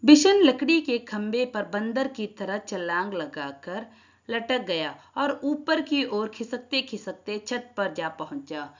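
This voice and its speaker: A woman's voice: mid-range voice, very animated, takes it slowly. A woman teacher explaining a school reading lesson to children. She rereads each sentence and then explains its words in English. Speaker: Hindi teacher. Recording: dull lo-fi sound.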